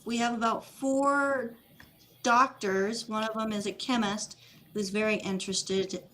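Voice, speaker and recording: A woman's voice: on the high side, steady tone, unhurried, a bit bright. Matter-of-fact woman reporting back. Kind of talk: casual radio show chat.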